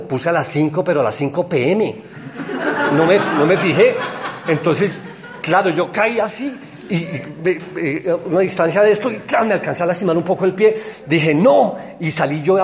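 A young Colombian man telling a personal anecdote in a rambling, excitable way. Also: a little high, vocal fry. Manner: excited, rambling, quick storytelling with laughs.

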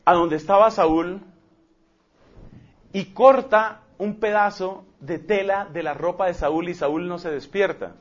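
A man preaching a sermon, telling a story emphatically and rushing through asides. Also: high voice. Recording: dull lo-fi recording.

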